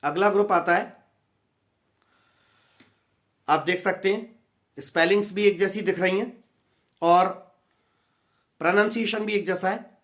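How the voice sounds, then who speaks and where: A man's voice: high voice, fairly even intonation, unhurried, pauses often, a bit bright. A man teaching English verb forms in a grammar lesson, repeating each word in rhythmic drills. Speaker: English tutor. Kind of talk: Hindi-language grammar lesson.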